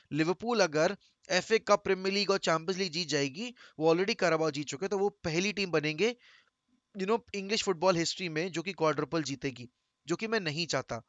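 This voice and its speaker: Passionate high-voiced Indian man. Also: a bit bright, no echo, highs cut off. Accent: Indian English. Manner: passionate, mixes Hindi and English, swears. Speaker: fan channel host. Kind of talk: opinionated football preview monologue.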